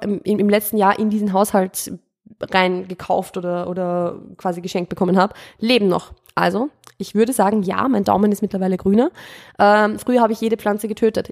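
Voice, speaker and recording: A woman's voice: medium pitch, steady tone, fairly quick, a little mellow. A young woman hosting her podcast, answering listener questions in a chatty, rambling way, often correcting herself and dropping in English words. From Austria. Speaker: podcast host. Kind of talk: casual Q&A monologue.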